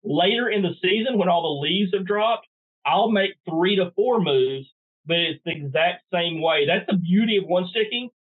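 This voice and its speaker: Middle-aged man, folksy and drily sarcastic, fairly high voice, tinny phone-line sound. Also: moderate pace, husky. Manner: folksy, dry sarcastic humor. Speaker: guest bowhunter. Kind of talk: podcast interview.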